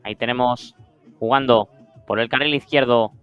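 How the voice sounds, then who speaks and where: A man's voice: medium pitch, steady tone, moderate pace, smooth, muffled recording, faint music behind. A man with a Spain Spanish accent giving live play-by-play of a beach football match in short descriptive phrases. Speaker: sports commentator.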